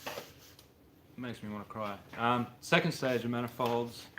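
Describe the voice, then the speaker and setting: This Australian man in his thirties, a Brisbane local, speaks with a mid-range, slightly bright voice, mostly even in pitch and a touch slow, over a faint hiss or hum. Relaxed and full of slang, he rambles through viewer questions on a casual livestream from his home workshop, where a car sits on the hoist.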